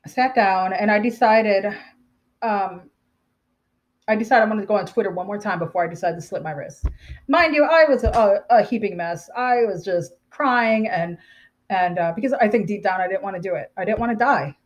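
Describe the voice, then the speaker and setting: A woman's voice: medium pitch, normal speed. A woman, telling a personal story to camera in a rambling, candid way with fillers and repeats.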